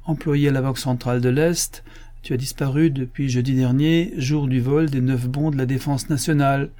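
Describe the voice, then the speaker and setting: A man's voice: medium pitch, fairly even intonation, moderate pace, mellow, pitched above the performer's own voice, close to an everyday voice. A man voicing a brusque, dogged police inspector in an audiobook, insistent in manner. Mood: stern. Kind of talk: audiobook character voice.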